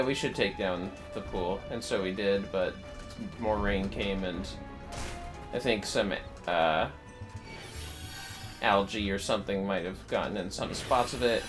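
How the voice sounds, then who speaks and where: While playing a game, a livestream host with a fairly low voice chats casually, thinking out loud in a rambling, halting way. Music plays in the background.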